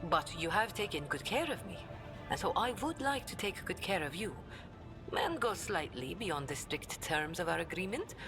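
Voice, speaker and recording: A woman's voice: fairly low pitch, sing-song, normal speed. An actress voicing an ornate, obsequious woman trade agent in a video game. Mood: grave. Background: game music.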